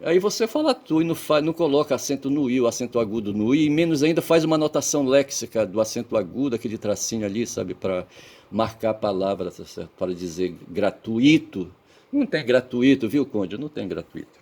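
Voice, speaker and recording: A Brazilian man vlogging in a digressive, lecturing monologue, peppered with "tá certo?" and "sabe?" and trailing off quietly at the ends of phrases. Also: mid-range voice, expressive, fairly quick. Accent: Brazilian Portuguese. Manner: casual swearing, lecturing tone. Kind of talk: rambling casual monologue.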